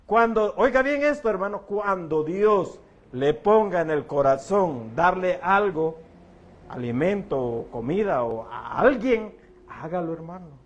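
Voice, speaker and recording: A man's voice: high voice, expressive, a little slow, muffled recording. A middle-aged man, preaching an evening sermon in a folksy, joking way and addressing the congregation again and again as brother. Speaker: pastor.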